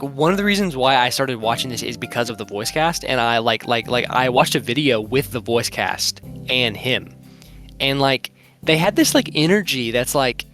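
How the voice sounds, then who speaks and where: A man's voice: medium pitch, fairly bright tone. A young man co-hosting an anime review podcast, rambling in casual chat with lots of filler words. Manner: rambling, heavy use of "like" fillers. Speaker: podcast co-host.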